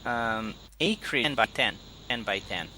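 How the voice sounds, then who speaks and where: A man's voice: medium pitch, expressive, measured pace, crowd noise, rough recording. A man teaching an online English speaking lesson, patiently correcting and repeating words for his student. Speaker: English tutor. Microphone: video call.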